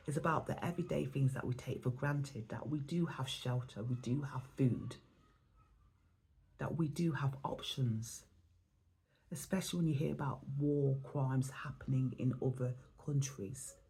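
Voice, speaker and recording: A hoarse English woman who is losing her voice wanders reflectively through an oracle card reading for a spiritual vlog. The voice rumbles low and mellow, and the recording quality is poor.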